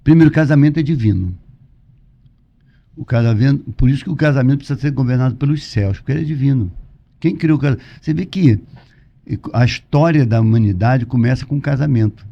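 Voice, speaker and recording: A man's voice: medium pitch, fast talker, vocal fry. A Brazilian man, a pastor, preaching conversationally and emphatically, repeating points and asking rhetorical questions. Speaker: pastor, podcast guest. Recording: dull lo-fi audio.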